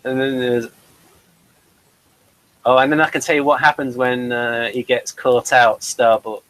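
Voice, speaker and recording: A man's voice: medium pitch, flat delivery, unhurried, a bit bright, no room sound, poor audio. A man hosting a casual review chat, talking in long, digressive explanations with dry humour. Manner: chatty and digressive, explaining at length; dry humour, chuckles between points. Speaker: host reviewing a TV series.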